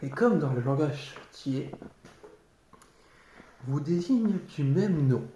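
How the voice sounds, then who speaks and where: Slow, sardonic man in an echoey room. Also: fairly high pitch, expressive, warm tone. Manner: sardonic, mock-polite, pausing and repeating words. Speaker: amateur actor improvising a monologue. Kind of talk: improvised theatrical tirade, halting and conversational. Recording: roomy echo, clearly noisy background, clicks.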